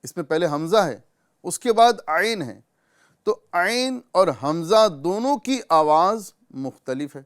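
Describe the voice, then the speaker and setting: A man with a Pakistani Urdu accent teaching correct recitation, explaining patiently and drawing out individual sounds slowly as examples. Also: high voice, lively intonation, clean tone. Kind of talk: tajweed lesson with recitation examples.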